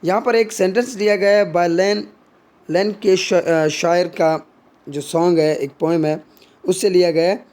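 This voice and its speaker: A man's voice: high voice, fairly even intonation, measured pace, darkish tone. A man teaching literary terms, explaining in Hindi and mixing in English terms, with frequent fillers and restarts.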